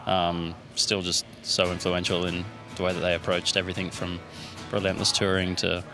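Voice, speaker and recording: Relaxed man, low voice. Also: normal speed, over music. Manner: relaxed, chatty, many restarts. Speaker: band drummer, guest. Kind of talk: casual interview chat.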